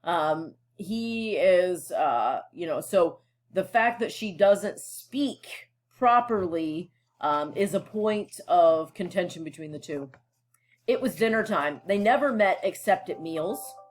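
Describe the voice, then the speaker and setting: A woman's voice: fairly low pitch, animated, slow. A woman teacher reading a novel aloud and explaining it to students in a casual, conversational way, often checking in with them. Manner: casual and explanatory, with frequent fillers and check-ins.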